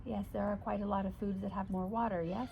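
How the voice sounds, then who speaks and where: A woman's voice: medium pitch, fairly even intonation, fast talker, creaky, muffled recording, close to an everyday voice. Seance medium: woman voicing a patient spirit teacher in trance, formal odd syntax, questioning tags, noisy ambience with birds. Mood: instructive, patient. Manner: formal unusual syntax, ends statements with questioning "yes?". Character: Simon, a channeled non-physical spirit guide, patient teacher. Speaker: trance channel answering questions. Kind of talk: trance channeling, seance medium addressing sitters. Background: birds calling, ambient noise.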